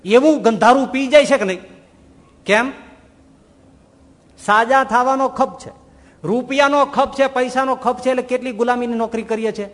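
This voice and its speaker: A man with a high voice delivers a sermon, throwing out rhetorical questions and acting out small scenes. His voice rings out with a long hall reverb. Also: normal speed, pauses often. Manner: animated, rhetorical questions, acts out quoted voices. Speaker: swami giving a religious discourse. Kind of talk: sermon storytelling.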